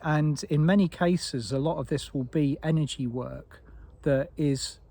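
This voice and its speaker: A man giving an unscripted spiritual talk as a teacher, soft and meandering with frequent restarts. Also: a little high, measured pace, vocal fry.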